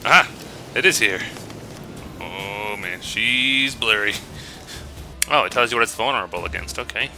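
A man's voice: on the low side, animated, moderate pace, pauses often, background noise. A man giving casual, jokey let's play commentary, teasing the game and exclaiming as he goes. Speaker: gaming host. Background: video game sounds.

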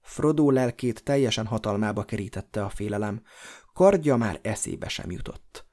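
A man narrating an audiobook in a measured, dramatic storytelling delivery. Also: on the low side, dark tone. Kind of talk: scripted narration.

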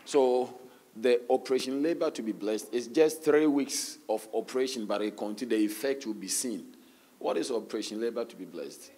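A pastor with a hoarse voice, leading a loud, fervent prayer and then giving church announcements in a sermon. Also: male voice, mid-range voice, brisk, a little hiss or hum.

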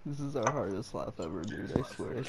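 A man's voice: medium pitch, animated, brisk, heavy background noise. Giggly man teasing a friend. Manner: giggly, breaks into laughter mid-sentence; teasing, repeats a friend's slip. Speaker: gaming video creator. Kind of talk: casual chat between friends.

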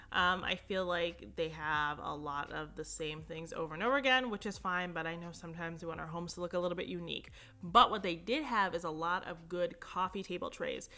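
Speaking in a fairly low, bright and forceful voice, a young woman narrates a casual home decor shopping vlog. She's upbeat and chatty in this shop-with-me voice-over, dropping lots of fillers and little asides.

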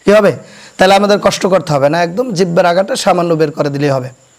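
A man teaching children to pronounce Arabic letters, explaining slowly and quizzing his pupils so they repeat after him. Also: high voice. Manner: asks questions and has pupils repeat; slow, deliberate explanation. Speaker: Quran teacher. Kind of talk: classroom recitation lesson. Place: madrasa classroom.

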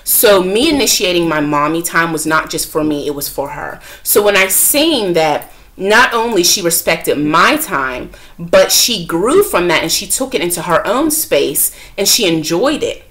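A woman vlogger talks straight to her viewers in a candid, conversational way. Her voice sits a little on the low side, and she's expressive, slipping into other people's voices when she retells a moment. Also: unhurried. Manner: chatty, frank and expressive, acting out quoted voices. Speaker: self-help vlogger and mother. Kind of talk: candid talk to camera.

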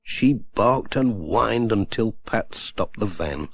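Slow, husky storybook narrator, a man. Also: fairly low pitch, lively intonation. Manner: gentle, unhurried storytelling. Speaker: audiobook narrator. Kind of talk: children's storybook reading.

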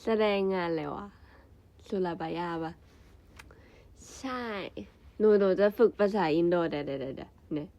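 A woman's voice: lowish voice, normal speed, pauses often, warm tone. A young adult woman, an idol group member, chatting casually and playfully in a vlog, laughing often. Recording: slightly dull, muffled sound.

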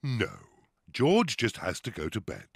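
A man's voice: fairly low pitch, huge pitch swings, unhurried, creaky, breathy edge, no room sound, studio quality, exaggerated voice. An actor voicing a jolly, bumbling father pig in a cartoon, good-natured and a bit sheepish.

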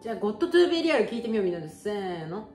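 A woman in her twenties chatting casually and excitedly in slangy speech while sharing songs. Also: mid-range voice, rapid-fire, echoey room, soft background music. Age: 20s. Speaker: YouTuber.

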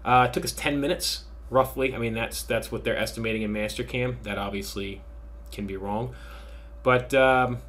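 A man walks through a machining software tutorial in an easygoing, unhurried voice of middle pitch. He thinks aloud, pauses with fillers and talks to his students like an instructor. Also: fairly even intonation, a little hiss or hum. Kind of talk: software tutorial screen recording.

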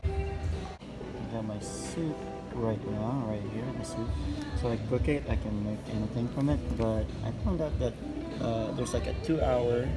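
A middle-aged man talks casually into his phone in a large restaurant, his voice at an average pitch. He hesitates often and fills pauses with relaxed "uh"s. Loud music plays behind him the whole time. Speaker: vlogger. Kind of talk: casual vlog narration. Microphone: handheld phone camera.

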